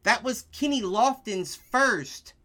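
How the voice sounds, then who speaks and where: An American woman in a heated, casual sports debate, speaking emphatically with slang, swearing and quick interjections. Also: fairly high pitch, animated, fairly bright tone.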